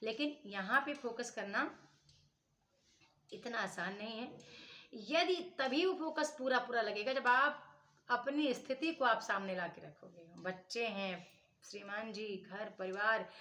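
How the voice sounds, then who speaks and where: A woman's voice: a little high, expressive, a little slow, pushed and bright. A woman teacher giving study advice in a casual spoken lesson, chatty and repetitive, often checking in with her listeners. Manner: conversational, repeats points, frequent "ठीक है" check-ins.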